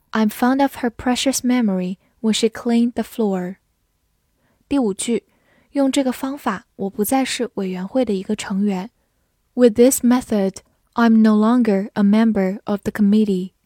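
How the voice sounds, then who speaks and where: A woman teacher giving a vocabulary lesson. She reads each word twice and then its meanings, in a clear, careful way. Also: on the high side, warm tone, no room sound, studio quality. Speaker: English teacher.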